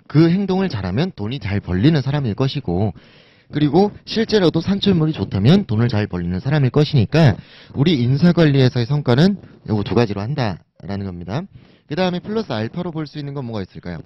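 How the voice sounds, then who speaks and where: A man gives an exam-prep lecture in a chatty, conversational way, often asking a question and then answering it. His pitch moves a lot as he talks. The recording is dry and close, with a dull, lo-fi sound. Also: big pitch swings, fast, no echo.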